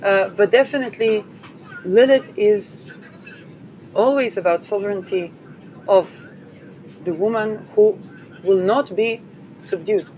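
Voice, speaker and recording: Over dull lo-fi audio with vehicles audible in the background, an astrology channel host wanders from topic to topic, dropping playful asides and frequent fillers. She speaks unhurriedly in a mellow, medium-pitched voice, pausing often.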